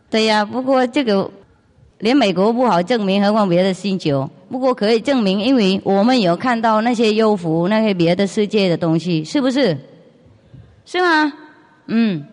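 A woman's voice: mid-range voice, moderate pace, a little mellow. A woman with a foreign accent speaks simple, non-native Mandarin as a spiritual master answering questions informally, often with rhetorical questions. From outside China. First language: not Mandarin. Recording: long reverb of a large hall.

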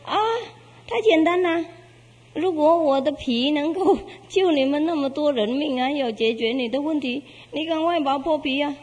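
A woman voicing a gentle, selfless male beast with golden fur, speaking in a joyful, pleading way, in a hall with long reverb. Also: high-pitched, moderate pace, pitched above the performer's own voice, natural voice. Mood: joyful, eager. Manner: joyful, pleading, warm-hearted.

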